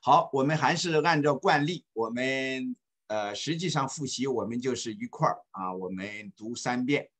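A man teaching an online English class, speaking slowly and patiently and repeating phrases for students to follow. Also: medium pitch, a bit bright, breathy edge. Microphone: video call.

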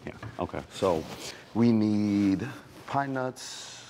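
Charming jokey young fiancé, really deep, gravelly, web drama. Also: male voice, lively intonation, slow, noisy background. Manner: joking, smooth-talking. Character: charming, joking young man cooking for his fiancée. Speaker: actor playing a fiancé on a dating show. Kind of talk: scripted web series drama.

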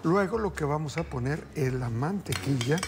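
During a live cooking demo in a TV studio kitchen, a middle-aged male host talks at normal speed in a fairly high, expressive voice, chatting upbeat and calling viewers family as he goes through the recipe. Background music and noise sit beneath him.

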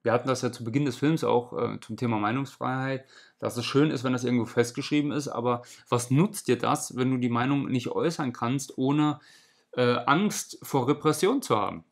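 Man reacting to a video, measured. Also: mid-range voice. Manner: measured, explanatory. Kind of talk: reaction commentary. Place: indoor room at home.

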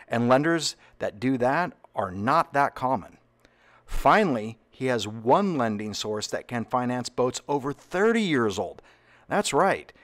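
Upbeat man reading a sponsor pitch. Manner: upbeat, playful salesman pitch. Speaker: yacht broker and channel host. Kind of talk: scripted sponsor read. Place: voice-over.

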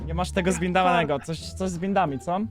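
Fast, high-voiced young man. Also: fairly even intonation, over loud music. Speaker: pro player opponent. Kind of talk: casual chat during a game.

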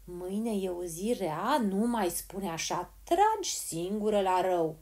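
A woman voicing a kindly, hard-of-hearing old grandmother who talks slowly, loudly and fussily, in a storybook reading. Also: medium pitch, sing-song. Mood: confused.

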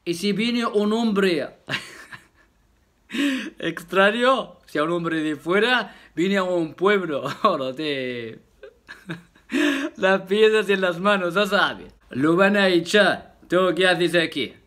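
Male vlogger, high bright voice, unhurried and jokey, laughs a lot. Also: animated. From Morocco. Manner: jokey, laughs often, tag questions. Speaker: YouTuber. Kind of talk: casual vlog talk to viewers.

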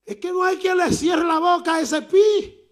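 Very high-voiced animated man preacher. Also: moderate pace. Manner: animated, breaking into shouts. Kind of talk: sermon storytelling. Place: church.

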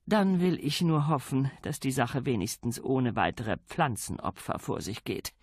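A man voicing a grand, ample aristocratic lady, imperious and briskly polite. Her voice sits high and swings with lively melody. The read is dry and close. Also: breathy edge, no room sound, full character voice. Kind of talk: audiobook character voice.

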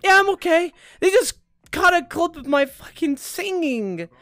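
A woman's voice: very high voice, lively intonation, a little slow, a bit bright, dry recording. A woman streamer chatting casually in a social VR game, playful and swearing freely. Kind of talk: casual gaming chat.

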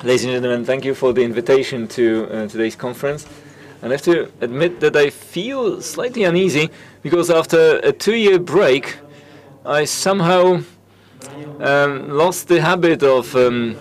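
A man provides simultaneous interpretation of conference talks, his delivery halting and full of filler sounds and restarts. His voice is on the high side.

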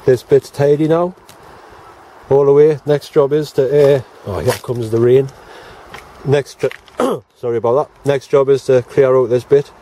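Un hombre de mediana edad con acento británico habla con naturalidad mientras recorre su huerto al aire libre, grabándose con una cámara en mano. Su voz es apagada y suave. Se oye un leve ruido exterior de fondo. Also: male voice, medium pitch, fairly even intonation, measured pace, dark tone, a little hiss or hum. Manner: chatty, plain-spoken, talks to viewers as he walks round. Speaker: allotment gardening vlogger. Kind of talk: casual walk-and-talk vlog. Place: outdoor allotment garden in light rain. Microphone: handheld camera, self-filmed.

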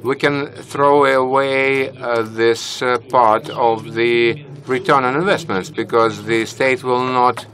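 Standing among the audience in a conference hall, a man asks a question from the floor into a handheld mic. He deliberately pitches his naturally high voice lower, and it comes out steady and fairly bright. His delivery is measured, with some fillers.

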